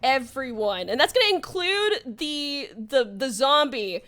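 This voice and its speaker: Young woman game master, excitable and laughing, high bright voice, slow dramatic delivery. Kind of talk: narrating a tabletop role-playing game.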